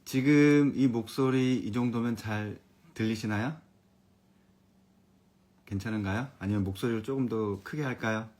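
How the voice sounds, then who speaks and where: A man, an elementary education expert, giving a friendly live-streamed lecture for parents in a calm, comfortable voice, chatting with viewers and reading out their comments. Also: mid-range voice, normal speed, pauses often.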